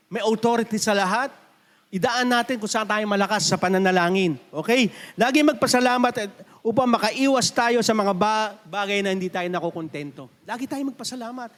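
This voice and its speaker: High-voiced Filipino pastor preaching in a reverberant church. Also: male voice, fairly quick, a bit bright. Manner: preaching in Tagalog mixed with English, calling for amens. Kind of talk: sermon.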